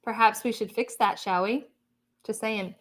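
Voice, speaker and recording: A woman's voice: on the high side, steady tone, normal speed, fairly bright tone. A chatty woman hosting a casual livestream, laughing often and reading viewer comments. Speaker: livestream host.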